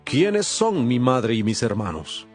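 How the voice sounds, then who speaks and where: A man voicing Jesus as a calm, authoritative teacher in a dramatized audio Bible, with a measured, solemn delivery. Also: mid-range voice, faint music behind.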